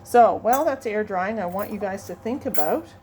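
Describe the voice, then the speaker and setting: A woman's voice: mid-range voice, normal speed, darkish tone, a little hiss or hum. A woman instructor demonstrating a lab procedure to students, chatting and thinking aloud as she works, sometimes moving away from the mic in a teaching lab.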